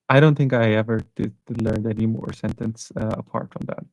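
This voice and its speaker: Telling travel anecdotes on his live stream, a young channel host from South Asia wanders from point to point and keeps starting over. His voice is on the low side, a little mellow and steady in tone, at a moderate pace, with a practiced neutral international English accent and no echo.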